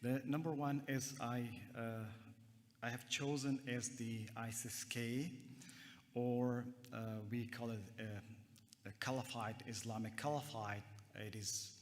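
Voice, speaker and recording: A man from Afghanistan gives a talk at a conference, pausing often and restarting his sentences. His voice sits at an ordinary middle pitch. Long reverb from the hall trails behind each phrase. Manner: hesitant, many fillers and restarts. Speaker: counterterrorism analyst.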